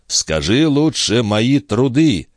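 A man voicing Balsamo, a proud, ambitious man who speaks in a measured, soothing way in an audiobook reading. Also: mid-range voice, sing-song, no echo, clean studio sound, pitched above the performer's own voice. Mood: calm. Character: ambitious man, calm, proud, tender but cool.

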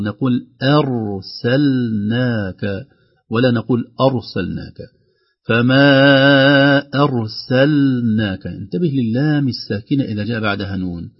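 A man teaching Quran recitation on a radio lesson, explaining calmly and slowly chanting verse examples. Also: lowish voice, breathy edge, highs cut off.

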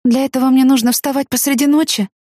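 A woman voicing an anxious, fiery young woman fresh out of school, her pitch lifted well above the reader's own low voice. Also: steady tone, fast talker, dark tone, no echo, clean studio sound, lightly acted. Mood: grumpy sleepy. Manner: pleading and indignant outbursts.

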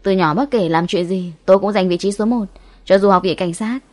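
A woman's voice: medium pitch, fast talker, pitched above the performer's own voice, close to an everyday voice. A woman voicing a proud, hot-tempered young policewoman, haughty and indignant, in an audiobook.

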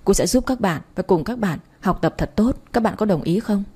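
A woman's voice: medium pitch, expressive, fairly quick, dark tone, slightly rough. A young adult woman reading a first-person story aloud in a firm, lecturing manner. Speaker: narrator.

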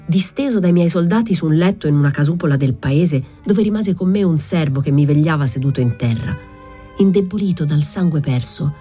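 A woman reading a novel aloud as an audiobook, in a calm, measured first-person narration. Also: low-pitched. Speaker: reader.

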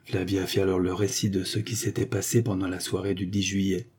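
A man narrating a novel as an audiobook in a measured, dramatic way. His voice is low and dark with a husky texture. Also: level tone.

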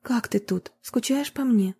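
A grown woman holding her fury under icy control, as a female reader puts her on. Her tone is soft and mellow with a husky edge. She speaks like a figure in a spoken novel. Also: on the high side, measured pace, voice pushed up, heavily acted. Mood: tender. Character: Marina, a tense adult woman fighting for a foster girl.

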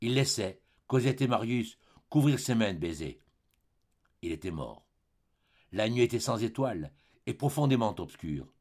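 A man reading a classic novel aloud as an audiobook narrator, measured and expressive. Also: mid-range voice. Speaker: audiobook reader.

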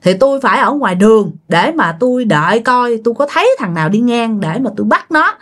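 A woman's voice: on the high side, big pitch swings, fairly quick. A woman voicing a grieving ghost husband, Southern accent. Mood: stubborn. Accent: Southern Vietnamese.

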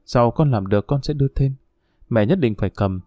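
A man's voice: mid-range voice, a little fast, warm tone, no room sound, studio quality, close to an everyday voice. A man voicing a remorseful middle-aged father just out of prison, pleading humbly and earnestly in an audiobook. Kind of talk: audiobook character voice.

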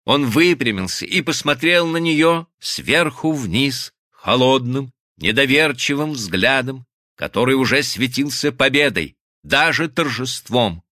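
Give me a man narrating a literary audiobook, expressive and lively, in a dry close-miked studio. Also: medium pitch, a little slow, dry recording. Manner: expressive, dramatic reading.

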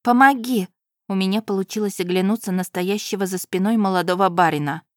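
A woman narrating a first-person audiobook in a measured, expressive storytelling manner. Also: medium pitch, no echo, clean studio sound.

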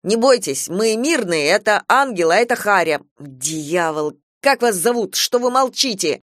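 A woman reading an audiobook, voicing a flustered, lovesick young man dressed as a woman, hoarse and pleading. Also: mid-range voice, animated, unhurried, dry recording, clean studio sound, natural voice. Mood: exasperated.

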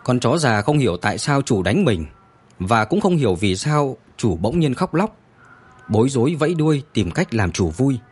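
Husky guy reading a story out, lots of rise and fall, dramatic. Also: medium pitch, sing-song, normal speed. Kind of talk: scripted story narration.

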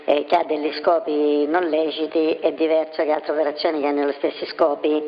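An anonymous man whose voice is disguised with a deep pitch shift, answering interview questions hesitantly with many fillers and restarts. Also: little pitch movement, fairly quick. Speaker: anonymous banker source. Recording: dull lo-fi with faint noise.

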